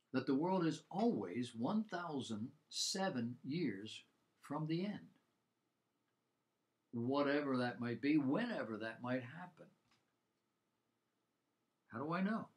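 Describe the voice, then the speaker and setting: A man's voice: mid-range voice, big pitch swings, a little slow, long pauses. A man presenting a scripted Bible program, mixing commentary with rhetorical questions and an emphatic delivery.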